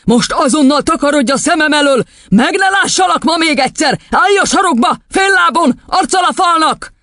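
A man's voice: extremely high pitch, expressive, pushed and bright, no echo, clean studio sound, voice pushed up, exaggerated voice. A man voicing a furious, tyrannical female headmistress in an audiobook, screaming and scornful. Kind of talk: audiobook character voice.

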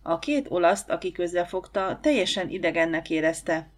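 A woman narrating an audiobook in a calm, measured way. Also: fairly low pitch. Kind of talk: scripted narration.

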